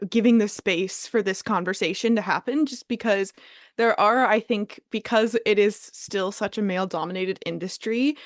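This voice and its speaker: A woman's voice: mid-range voice, no room sound, clean studio sound. A woman composer speaking thoughtfully on a podcast roundtable, with frequent fillers and restarts. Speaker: composer guest.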